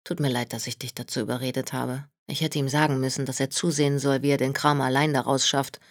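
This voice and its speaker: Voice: medium pitch, flat delivery, fast, no room sound, clean studio sound, close to an everyday voice. A reader doing a worn-out easygoing man. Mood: weary. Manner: easygoing, apologetic. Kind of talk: audiobook reading.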